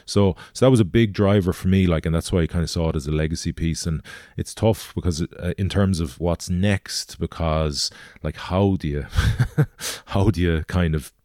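Interview guest, male, west of Ireland accent, extremely low pitch, reflective and searching delivery, dry sound. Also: normal speed, warm tone, no room sound. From Galway, west of Ireland. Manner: earnest, hesitant, thinking aloud. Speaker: interview guest, endurance athlete.

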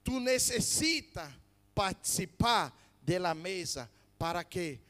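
A man preaching a fervent sermon, swinging from loud emphatic peaks to low quiet asides. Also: animated, slow pace, in a large hall.

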